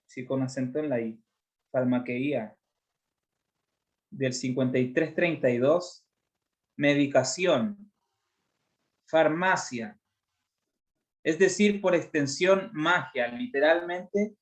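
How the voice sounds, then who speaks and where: Male preacher from Chile, slightly high voice, explanatory teaching tone with rhetorical questions. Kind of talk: Bible study sermon.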